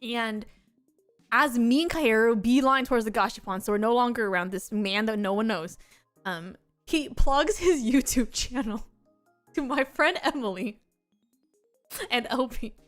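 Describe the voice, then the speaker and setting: A young woman with a notably high voice, chatting on stream in a loose, rambling way and giggling often. Soft music plays faintly behind her. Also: measured pace, pauses often. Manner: rambling and giggly, with frequent laughs and filler words. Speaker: VTuber streamer. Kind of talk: casual chat stream, storytelling.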